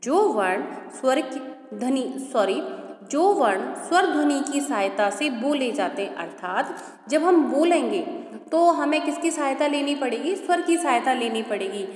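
A woman's voice: high voice, expressive, unhurried. A woman teacher giving a grammar lesson, asking questions and answering them herself, now and then correcting a slip aloud. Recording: echoey room with long reverb.

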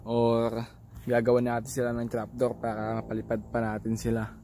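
A man with a Filipino accent, talking casually outdoors beside his pigeon loft in a relaxed, rambling vlog with many restarts. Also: medium pitch, normal speed, a little hiss or hum.

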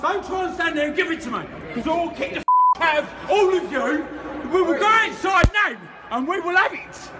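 A drunk man from the rants aggressively in a very high, strained-up pitch, boasting and swearing over and over. His voice swings widely, and it comes from far off across an echoey, noisy, crowded station hall. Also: expressive, fairly quick, over a noisy crowd. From England. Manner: belligerent, boastful, sweary, repetitive. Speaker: rowdy drunk passenger. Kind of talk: aggressive public ranting. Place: large indoor railway station concourse. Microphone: bystander's phone at a distance.

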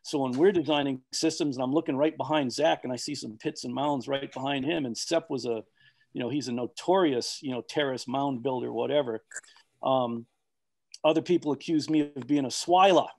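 Male panelist, mid-pitched, thinks aloud with lots of ums and restarts, video-call audio. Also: steady tone, a little fast, a little mellow. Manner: rambling, many fillers and restarts. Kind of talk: online expert panel talk.

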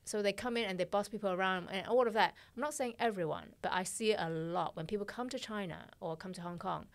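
A middle-aged fashion director, guesting on a podcast, tells stories bluntly and animatedly, swearing freely and acting out dialogue in casual interview style. She talks fast at medium pitch, on an arm-mounted studio mic with headphones in a small podcast studio.

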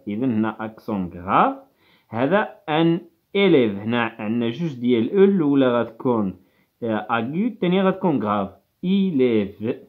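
Patient Moroccan male teacher, tinny sound. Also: medium pitch. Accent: Moroccan Arabic. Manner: explains patiently, sounding words out syllable by syllable. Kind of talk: classroom lesson explanation.

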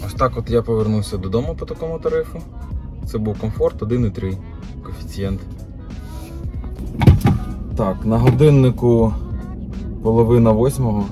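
A man's voice: mid-range voice, normal speed, long pauses. A man vlogging as a taxi driver, chatting casually while he drives. He thinks aloud, with lots of filler sounds and restarts. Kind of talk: casual chat while driving. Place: inside a car while driving. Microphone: phone camera mounted in the car. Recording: car recording with background music. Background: background music and car noise.

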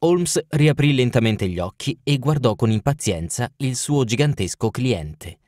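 A man's voice: mid-range voice, lively intonation, measured pace, a little mellow, no room sound. Man narrating an audiobook in a dry, close voice. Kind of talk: scripted narration.

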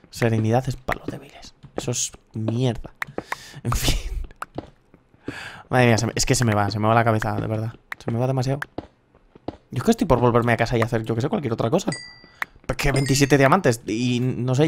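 A man in his thirties with a Castilian Spanish accent, swearing freely and rambling excitedly as he comments on his own gameplay. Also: medium pitch, fast, noisy background. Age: 30s. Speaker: gaming youtuber.

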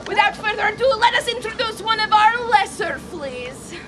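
A woman's voice: very high-pitched, animated, moderate pace, music in the background. A woman playing a dry comic Moldavian sidekick in a live outdoor flea circus show. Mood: showy, presenting. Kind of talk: live comedic fairground patter. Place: outdoor truck-bed stage, far camera, crowd behind. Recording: distant outdoor camera, loud crowd noise.

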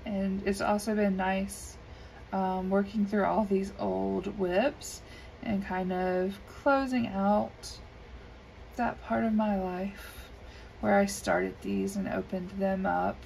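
A coloring video creator chats at an indoor desk while she colors, easygoing and unhurried, with many ums along the way. Her scratchy voice is mid-range, gravelly and a little mellow, kept in a steady tone at a slow pace. An overhead camera above the desk records her.

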